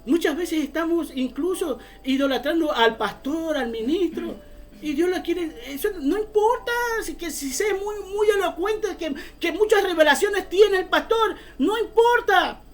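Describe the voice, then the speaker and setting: A woman's voice: very high voice, a little slow, faint music behind. A woman preaching a fervent sermon, often calling her listeners brother.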